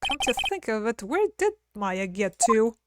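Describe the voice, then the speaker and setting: A woman's voice: on the high side, big pitch swings, normal speed, very noisy. A woman streaming a video game, reading its text aloud with casual commentary. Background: game music.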